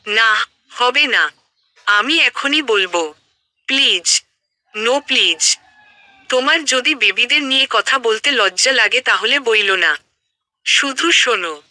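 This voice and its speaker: A woman's voice: fairly high pitch, expressive, takes it slowly, long pauses, pushed and bright, no room sound, full character voice. A woman voicing an affectionate, teasing young man talking to his fiancée on the phone in an audio story. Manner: playful, teasing.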